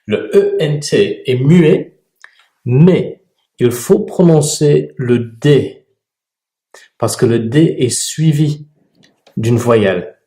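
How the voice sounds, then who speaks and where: A man delivers a grammar lesson at an unhurried pace, his pitch rising and falling in lively stresses on each key word. His voice is mellow and a little dark, and it rings in a roomy, echoey space. He repeats every form with careful articulation. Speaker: French teacher. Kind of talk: slow, deliberate grammar lesson with drilled examples.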